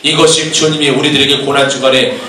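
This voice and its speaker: A man's voice: mid-range voice, flat delivery, quick pace, bright, forceful tone, slight background noise. A male pastor preaching a sermon, emphatic and full of rhetorical questions to the congregation. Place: church sanctuary. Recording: echoey church hall from far off.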